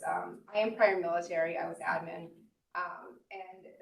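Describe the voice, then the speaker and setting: A woman's voice: fairly low pitch, vocal fry, distant mic. An earnest woman testifies at a public hearing, hesitating often with ums and apologizing as she goes. She sits some way from the mic in a large echoey hall, with a faint hiss behind her. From Minnesota, US. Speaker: appellant speaking at a public hearing.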